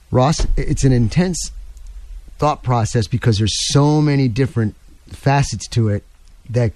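A man hosting a call-in radio show, with folksy, punchy patter as he pitches the phone line and takes callers. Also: dark tone, no room sound.

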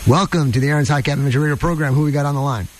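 A man hosting a call-in radio show, with folksy, punchy patter as he pitches the phone line and takes callers. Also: racing, a little hiss or hum.

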